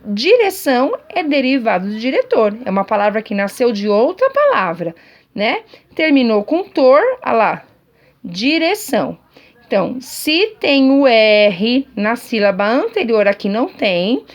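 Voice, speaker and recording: A woman teacher, explaining a lesson patiently to her pupils at home, often checking that they follow. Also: a little high. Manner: patient, repetitive classroom explaining with frequent check-ins.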